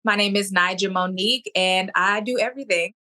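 A woman in her thirties chats casually in an interview. Her voice is bright and forward at a medium pitch, with a little music behind it. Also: fairly quick. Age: 30s. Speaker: interviewee, content creator.

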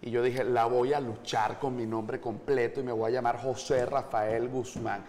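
A Venezuelan man chats as a guest, telling stories and explaining things at an ordinary middle pitch. His voice carries a lingering reverb, like a hard room. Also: fairly even intonation, moderate pace, darkish tone, a little hiss or hum. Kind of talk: casual podcast chat.

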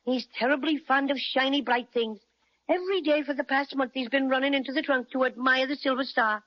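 A man's voice: brisk, dry recording. A man voicing a small, boastful teddy bear who speaks with an Irish accent and makes comic growls, in a 1930s radio drama. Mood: chatty. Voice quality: high, lilting, sing-song. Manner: playful, polite, with comic growls. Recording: dull old radio recording. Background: music.

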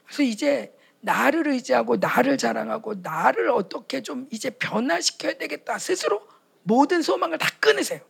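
A woman's voice: high-pitched, expressive, moderate pace, vocal fry, husky. A woman preaching a sermon at a retreat for pastors' wives, speaking with passion and acting out short quoted dialogues. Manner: impassioned, acts out quoted dialogues.

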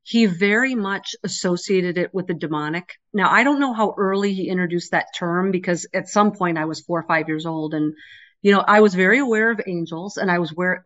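Low-voiced woman on a dull remote call. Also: a little fast, a bit bright. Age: middle-aged. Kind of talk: conversational testimony and teaching. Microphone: remote call connection.

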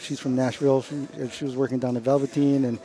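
Mellow-voiced man, a chef chatting. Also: medium pitch. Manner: relaxed, unhurried, many fillers. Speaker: chef and restaurant owner. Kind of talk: casual interview chat.

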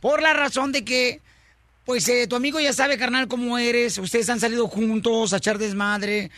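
A man hosting a comic morning radio show, loud, playful and full of slang. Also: very high-pitched, fairly even intonation, normal speed, no echo. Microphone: studio microphone.

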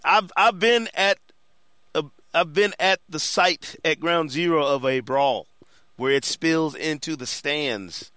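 A male sportswriter co-hosting a casual sports chat, his voice bright and forceful. He tells stories animatedly, full of slang and laughter. The sound is close and dry. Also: a little high, slow pace, no room sound. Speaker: sportswriter and co-host.

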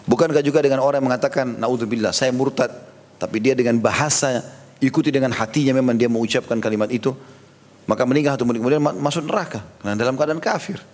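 A male preacher delivers a sermon in a storytelling manner, acting out the dialogue of the people in his stories. His voice sits at a middle pitch. The recording has a long reverberant tail. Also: rapid-fire, darkish tone. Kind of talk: Islamic sermon.

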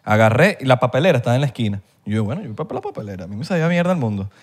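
A man's voice: medium pitch, rapid-fire. A man with a Venezuelan accent chatting casually as a podcast co-host, telling slangy stories and acting out other people's voices. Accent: Venezuelan Spanish. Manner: animated storyteller who acts out other people's voices; slangy, swears freely. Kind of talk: casual chat.

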